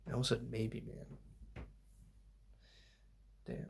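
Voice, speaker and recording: A young man talking softly in a loose, meandering ASMR ramble, laid-back and full of fillers. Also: medium pitch, level tone, slow, vocal fry, slight background noise. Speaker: ASMR channel host. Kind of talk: soft-spoken ASMR rambling.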